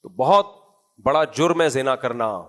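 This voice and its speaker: A man's voice: mid-range voice, expressive, fairly bright tone. A man with a Pakistani Urdu accent giving a Quran commentary lecture, asking rhetorical questions and answering them himself. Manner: acts out casual scolding in asides. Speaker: preacher.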